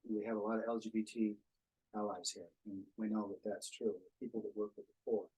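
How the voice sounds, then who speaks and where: Man, husky voice, reflective group talk, unhurried pauses. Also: lowish voice, level tone, dark tone, rough recording. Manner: reflective, quoting and pausing with ums. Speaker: gathering presenter.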